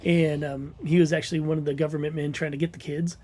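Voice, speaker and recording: Husky, slightly high man co-hosting. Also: flat delivery, fast talker, a little mellow. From Missouri. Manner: rambling, filler-heavy promotional talk. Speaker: convention organizer and podcast co-host. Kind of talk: casual chat.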